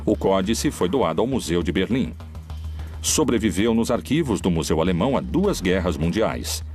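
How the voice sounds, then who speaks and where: A man with a Brazilian Portuguese accent giving scripted documentary narration in a measured, solemn way. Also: on the low side, a little mellow. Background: faint music.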